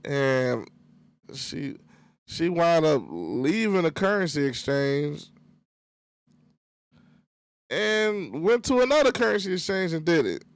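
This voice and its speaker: A man's voice: on the high side, sing-song, takes it slowly, pauses often, clean tone, no echo. A man hosting a livestream, telling a rambling, profane story in casual chat with lots of fillers, close to the mic. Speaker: livestream host.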